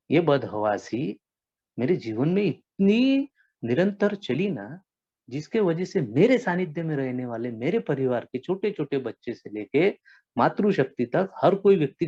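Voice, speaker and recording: Forceful Indian man sharing in recovery. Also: on the high side, slightly rough. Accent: Marathi-influenced Hindi. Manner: forceful, preachy, self-scolding. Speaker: AA member sharing his story. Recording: dull lo-fi online call audio.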